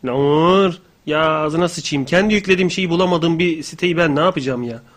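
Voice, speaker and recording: A man's voice: a little high, a little fast, a bit bright. A man co-hosting a casual radio show, joking and swearing freely as he banters.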